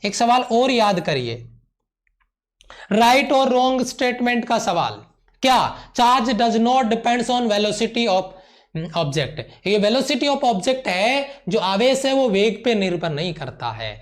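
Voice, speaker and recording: A man teaching a live online physics class, repeating each point and gently calling his students "beta". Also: very high voice, very animated, slow pace. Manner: mixes English terms into Hindi.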